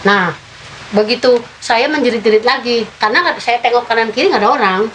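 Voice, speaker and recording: A woman in her fifties giving a personal faith testimony in an interview, telling her story in a halting way with many filler sounds. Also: a little high, a bit bright, slight background noise, rough recording. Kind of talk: personal testimony told in conversation.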